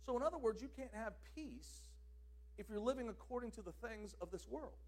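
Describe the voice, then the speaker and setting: High-voiced guy preaching, really animated, loud bits then quiet asides. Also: brisk. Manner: emphatic, swings between loud declarations and quiet asides. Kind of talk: sermon.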